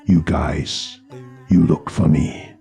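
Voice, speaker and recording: A man voicing a stoned, giggly, hungry young man with a slow, lazy drawl. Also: very deep voice, steady tone, vocal fry, dark tone, soft background music, voice pushed down, heavily acted. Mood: amused.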